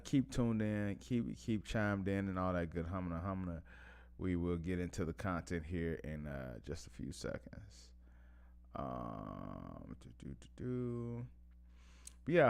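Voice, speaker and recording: A man hosting a casual live stream, rambling in relaxed slang, chuckling between phrases and often losing his thread and starting over. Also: low voice, clean tone. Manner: rambling, loses track and restarts often.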